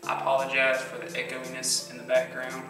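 A man presenting a casual woodworking how-to in a plainspoken, steady way with frequent ums, his voice carrying a big hall-like echo. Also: mid-range voice, brisk. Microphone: phone camera mic. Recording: very echoey phone audio from a distance, loud music behind.

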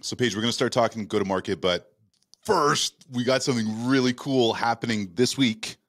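A man's voice: medium pitch, moderate pace, fairly bright tone. A man from Canada, hosting a podcast in a studio with upbeat, jokey banter. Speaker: podcast host. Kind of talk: casual podcast chat.

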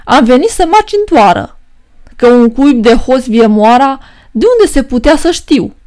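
A woman's voice: high voice, lively intonation, darkish tone. A woman voicing a bold, mocking young male peasant trickster in a storybook reading. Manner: mocking, bold and quick-witted.

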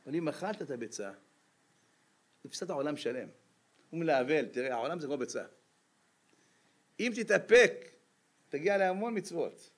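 A male rabbi delivering a sermon in a somewhat high voice. He keeps the talk moving with quick rhetorical questions to the congregation and an animated, storytelling delivery. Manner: lively, peppered with rhetorical questions to the audience.

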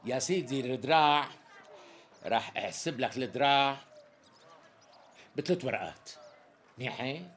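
A man playing a smooth-talking tailor who flatters and dodges the price, speaking with a Syrian accent in a TV sketch comedy. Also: medium pitch, moderate pace, pauses often, lightly acted. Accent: Syrian Arabic. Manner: chatty, flowery, laughing salesman patter.

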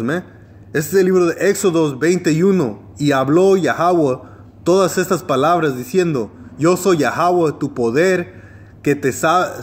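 A man preaching informally and reading scripture, scolding his listeners, tacking "man" onto his phrases, slipping English fillers into his Spanish, hesitating and restarting often. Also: a little high. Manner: scolding, confrontational tone. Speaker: street-style Bible preacher.

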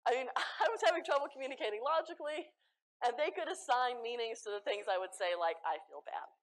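A young American woman speaks to a conference audience in a high, bright-pitched voice. Her intonation leaps around expressively as she jokes about herself. She laughs often and shifts quickly between playful asides and her points. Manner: animated, self-deprecating, laughs often. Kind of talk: conference talk with slides. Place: conference hall stage.

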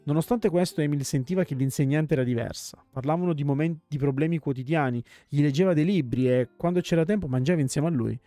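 A man reading a game's story text aloud as a let's play host, calm storytelling with small slips and restarts. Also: fairly high pitch, fast talker, few pauses, faint music behind.

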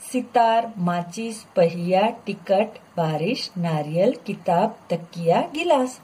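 A woman's voice: medium pitch, animated, slow pace, warm tone. A woman teaching a children's lesson online, patiently explaining and drawing out model pronunciations, with English words mixed in.

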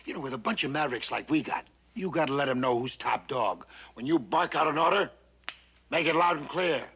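An actor playing a jovial, brawny middle-aged navy commander who chuckles often, in a 1960s sitcom. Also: male voice, on the high side, animated, brisk, fairly bright tone, husky, heavily acted. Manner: hearty, chuckling, folksy. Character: jovial brawny male PT boat skipper.

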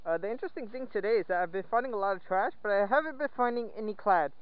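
A man chatting casually and playfully while metal detecting outdoors in the woods, excited over each find. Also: high voice, very fast, clean tone, no room sound. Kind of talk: casual outdoor vlog commentary. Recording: dull lo-fi outdoor audio with faint wind noise.

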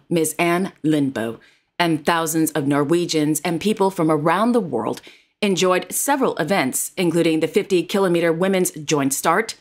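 Woman narrating royal news, lowish voice. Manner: formal, reads titles and quotes carefully.

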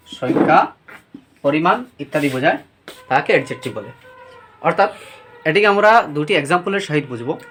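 A teacher explaining a grammar lesson to students, posing questions and answering them, reading example sentences slowly. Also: mid-range voice, a bit bright, a little hiss or hum.

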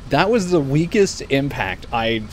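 A man streaming a game and commenting live, excitable and laughing often as he exclaims at what happens on screen. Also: medium pitch, unhurried, slight background noise.

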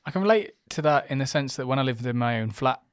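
A man's voice: mid-range voice, lively intonation, fast talker, smooth, no room sound. A young man co-hosting a casual podcast, agreeable and relating his own experience into a studio mic. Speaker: podcast co-host. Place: small studio room with plant wall. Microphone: studio mic on boom arm, headphones.

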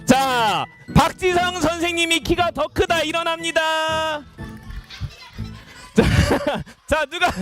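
Bright, high-pitched young man leading kids' games. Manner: playful, energetic, calls out to a room of kids. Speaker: junior pastor leading a children's service. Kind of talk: lively quiz game with children. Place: church education hall.

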